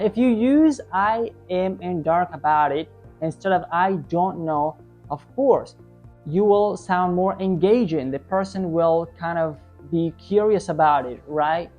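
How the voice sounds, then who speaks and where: A woman's voice: lowish voice, mellow. A woman teaching an online English lesson, explaining tips and often checking in with "right?". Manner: tags many sentences with "right?"; coaching, repetitive explanation.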